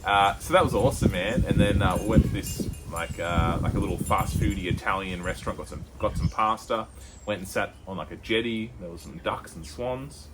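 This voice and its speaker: Rambling Australian young man, low voice. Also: brisk, background noise. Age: young adult. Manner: rambling storyteller, many fillers, slips into put-on voices. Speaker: podcast co-host. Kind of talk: casual chat.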